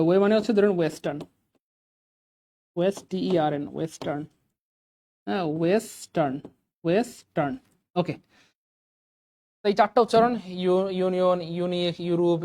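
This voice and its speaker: A man's voice: sits high, darkish tone. Bangladeshi man teaching English grammar. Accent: Bangladeshi Bengali. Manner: quizzing students with rising questions; drills examples by repetition. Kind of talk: classroom grammar lecture.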